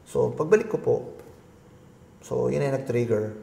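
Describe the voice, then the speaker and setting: A man's voice: mid-range voice, unhurried, vocal fry, warm tone, echoey room. A middle-aged man, a guest being interviewed, telling a long personal story in a polite, rambling way with many restarts. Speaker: guest, agribusiness consultant.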